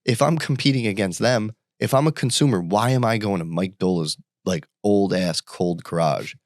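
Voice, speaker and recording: A man in his thirties from the United States, chatting casually as a podcast guest and telling animated stories. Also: no room sound, studio quality. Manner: animated, quick jumps in pitch when quoting people. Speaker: podcast guest, entrepreneur and father. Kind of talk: casual conversational storytelling.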